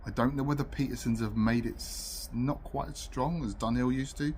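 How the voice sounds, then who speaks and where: British male reviewer, relaxed dark tone, informal delivery between puffs with pipe in mouth, slightly noisy camera-mic sound. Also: medium pitch, moderate pace. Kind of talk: casual chat review to camera. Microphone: built-in camera microphone. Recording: noisy camera audio without separate microphone.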